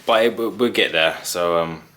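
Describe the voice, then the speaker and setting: A man's voice: sits low, moderate pace, noisy background. A tired young man with a laid-back, rambling way of talking, vlogging casually at home. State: tired from work. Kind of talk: casual vlog chat.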